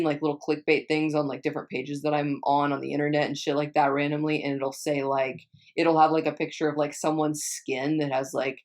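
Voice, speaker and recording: A young woman from Texas chatting casually as a vlogger, rambling and swearing a lot, trailing off and restarting often. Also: sits low. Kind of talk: casual chat answering viewer questions.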